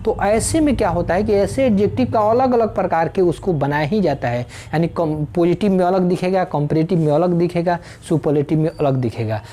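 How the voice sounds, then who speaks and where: A woman teaching an English grammar lesson, explaining slowly, spelling out letters and pausing with fillers. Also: on the low side, warm tone.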